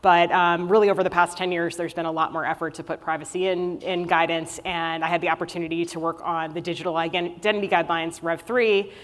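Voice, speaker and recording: A woman's voice: fairly low pitch, little pitch movement, fast talker, hardly any pauses. A woman speaking on a conference panel in a conversational way with many fillers. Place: conference luncheon hall. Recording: reverberant hall.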